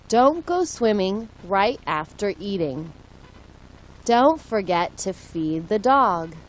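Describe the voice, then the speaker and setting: A woman reading short English phrases aloud for learners, clear and deliberate, one phrase at a time. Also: mid-range voice, low-quality recording. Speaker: English lesson reader. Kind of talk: slow read-aloud for learners.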